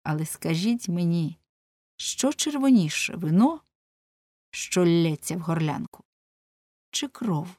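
A woman's voice: on the low side, lively intonation, slow, long pauses, a little mellow, no room sound. A woman reading aloud, voicing a bold young male jester who delivers urgent, mocking prophecies of doom, in a storybook reading. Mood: urging. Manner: pleading, urgent, mocking warnings.

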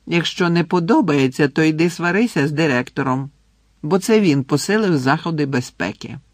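A man's voice: on the high side, sing-song, a little slow, creaky, no echo, studio quality, full character voice. A man voicing a fussy, haughty portrait lady who snaps at people, in a storybook reading. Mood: snappish. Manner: indignant, snapping.

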